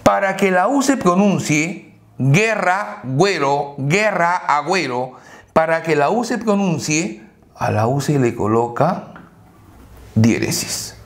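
Slow, lively male teacher in an echoey room. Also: a little high. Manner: drills examples slowly, asks and answers his own questions. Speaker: language teacher. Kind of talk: exam-prep lecture.

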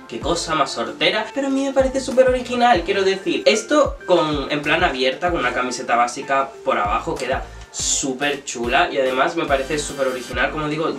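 A man's voice: a little high, roomy sound, distant mic. Chatty young man vlogging. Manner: chatty, animated, jokey asides. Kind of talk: casual haul vlog. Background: background music.

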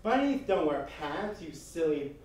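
A man's voice: on the high side, very animated, measured pace. A man doing a lisping, giggly partner. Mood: silly. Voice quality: lisp. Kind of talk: live stage improv. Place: small club stage. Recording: echoey, distant, noisy live room.

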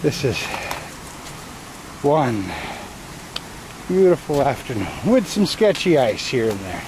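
Walking a wooded trail by a stream, a middle-aged man with a medium-pitched, very animated voice offers slow, rambling vlog commentary about his hike. He films on a handheld action camera at arm's length, and the outdoor sound is noisy.

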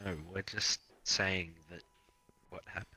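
A man's voice: low-pitched, little pitch movement, a little slow, sharp tone, low-quality recording. A teenage boy chatting casually over voice chat while gaming, rambling with lots of fillers.

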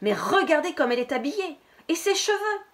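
A woman's voice: high-pitched, very animated, brisk, voice pushed up. A woman voicing a snobbish teenage girl who mocks a classmate with exaggerated articulation. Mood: mocking.

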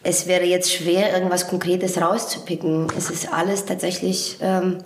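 A woman's voice: lowish voice, level tone, normal speed, echoey room, slight background noise. A woman author and theatre director answering interview questions in a thoughtful, hesitant way, with many fillers.

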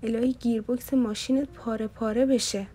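A woman's voice: fairly high pitch, fairly even intonation, dark tone, natural voice. Woman voicing a joking young male student. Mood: teasing. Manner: mock-cursing, teasing banter.

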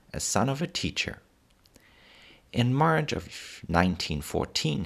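A man's voice: fairly low pitch, vocal fry, slightly rough. A man with a German accent narrating history from a script as channel host, pronouncing w as v.

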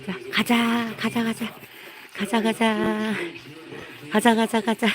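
Slow, coaxing woman with a high voice. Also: completely flat delivery, crowd noise, rough recording. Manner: coaxing, repetitive, laughing often. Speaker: live-streaming pet owner. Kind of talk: casual live stream talk.

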